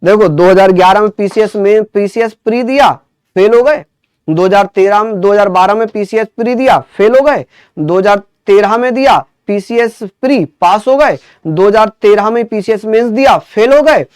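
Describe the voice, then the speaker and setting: A man's voice: high-pitched, moderate pace, a little mellow, smooth, dry recording. A man teaching a history lesson to exam students, drilling facts by asking and answering his own questions, with chatty asides. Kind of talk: online exam-prep lecture.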